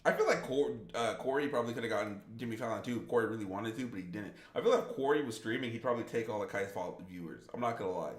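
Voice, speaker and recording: A man's voice: fairly low pitch, lively intonation, racing, hardly any pauses. A man streaming games who chats casually, rambles and reads his viewers' comments aloud. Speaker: gaming streamer. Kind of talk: casual live-stream chat. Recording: roomy echo.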